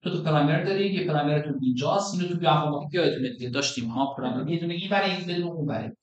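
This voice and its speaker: A man's voice: fairly high pitch, highs cut off. A middle-aged man giving a classroom lecture, explaining step by step and asking his students questions as he demonstrates on screen. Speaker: university lecturer.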